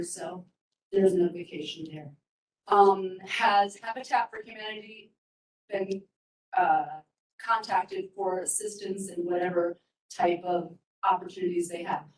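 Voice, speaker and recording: A woman gives a heartfelt public comment at a county meeting, earnest and a little halting. Her voice carries from some distance and rings in a roomy hall. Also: mid-range voice, slight background noise. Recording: roomy hall, far from the mic.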